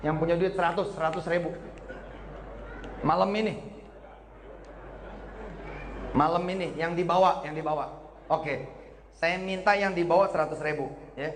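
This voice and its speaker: A somewhat high-voiced male preacher, spinning humorous stories and slipping into voices for each character. He is caught in an echoey hall, with loud ambient noise around him. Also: moderate pace, long pauses. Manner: lively storytelling, acts out dialogue in voices, joking. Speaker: Islamic preacher. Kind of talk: humorous sermon to a live congregation. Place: evening gathering before an audience.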